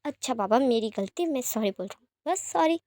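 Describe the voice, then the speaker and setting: A woman voicing a patient young man in a storybook romance who talks in a gentle, bewildered way. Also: a little high, expressive, brisk, no room sound, studio quality, lightly acted. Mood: puzzled. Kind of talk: storybook read-aloud.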